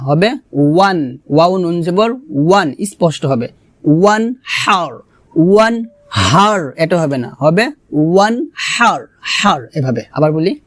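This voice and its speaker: A man teaching Quran pronunciation, who recites slowly and drawn out and then explains mistakes quickly and patiently. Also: sits high, no echo, studio quality. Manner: patient, repetitive, corrective teaching. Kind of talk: tajweed pronunciation lesson.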